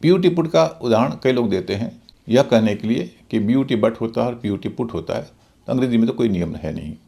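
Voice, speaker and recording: A man's voice: mid-range voice, expressive, brisk, vocal fry, dark tone. A middle-aged man teaching English pronunciation, spelling out words letter by letter and explaining the rules step by step. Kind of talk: Hindi-language English lesson.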